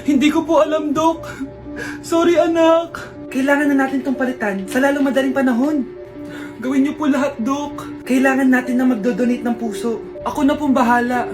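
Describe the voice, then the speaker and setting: Woman, high voice, comedy sketch acting over loud background music, switches between characters. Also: fairly even intonation, moderate pace. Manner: switches between mother, child and vendor characters. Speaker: comedy skit creator playing several roles. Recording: music playing behind.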